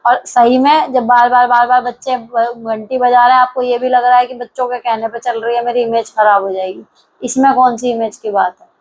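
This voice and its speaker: A middle-aged woman with a voice a little on the high side, talking through viewer comments like a host. She gives advice in a frank, no-nonsense way, talking straight to the listener and slipping English words into her sentences. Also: darkish tone, rough recording. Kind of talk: casual advice chat.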